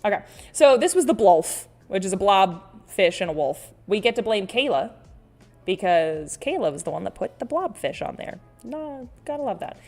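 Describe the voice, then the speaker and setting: Reading and reacting to comments, a woman artist hosting a casual livestream chats playfully with her viewers, exclamatory and rambling, frequently interrupting herself. Her mid-range voice is very animated and a little mellow, at normal speed.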